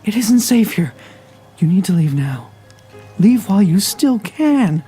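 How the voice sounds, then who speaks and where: A man's voice: high voice, very animated, unhurried, mellow, slightly rough, faint music behind, pitched above the performer's own voice, full character voice. A man doing a sweet, frail old ghost woman. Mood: urgent. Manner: sweet, gracious.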